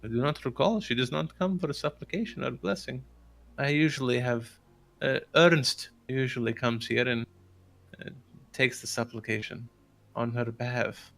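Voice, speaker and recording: A man voicing a hesitant middle-aged male village priest in a tabletop game, halting and full of pauses. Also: mid-range voice, vocal fry, fairly bright tone. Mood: guarded.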